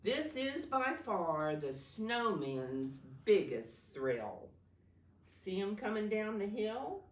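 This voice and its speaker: Reading a storybook aloud to small children, a preschool teacher uses a low, highly animated, sing-song voice at a slow pace, pointing things out and asking simple questions. She's recorded from a distance in an echoing room.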